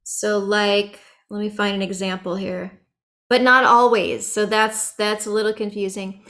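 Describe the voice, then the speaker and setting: A woman leads a chanting workshop over a video call, talking in an easygoing, chatty way with soft laughs and plenty of ums. She takes her time and speaks slowly, at a middling pitch. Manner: relaxed and chatty, laughs lightly, many fillers. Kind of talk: online workshop teaching.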